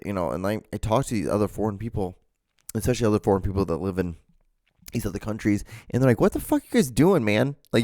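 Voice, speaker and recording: A Honduran man hosts a podcast, delivering a casual monologue that's emphatic yet halting, full of restarts and fillers. His voice is medium in pitch and somewhat dark, captured at studio quality with no room sound.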